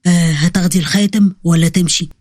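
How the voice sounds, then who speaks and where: A woman voicing a mysterious ageless man with an Egyptian accent, who speaks in a calm, low, quietly menacing way. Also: fast, dry recording, studio quality, natural voice. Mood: eerie calm.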